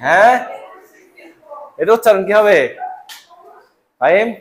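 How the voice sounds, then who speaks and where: A young male biology teacher lectures to a room of students. His voice sits notably high. He drills each term over and over and keeps asking whether the class understands. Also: lively intonation, slow, slight background noise. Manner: repeats terms and keeps checking understanding.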